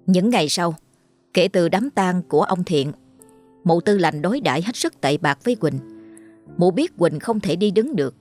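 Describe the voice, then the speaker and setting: Low-voiced woman narrating a ghost story. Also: no echo.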